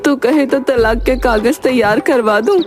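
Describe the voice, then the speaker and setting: A woman voicing a sharp-tongued, proud mother-in-law who taunts and mocks. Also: sits high, a little slow, faint music behind. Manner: taunting, sarcastic.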